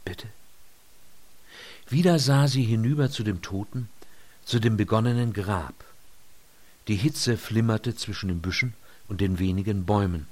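A man narrating an audiobook in a measured, soft-spoken storytelling manner. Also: lowish voice. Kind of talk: scripted narration.

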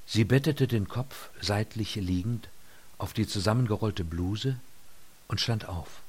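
A man narrating an audiobook in a measured, soft-spoken storytelling manner. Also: fairly low pitch, slightly rough. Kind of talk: scripted narration.

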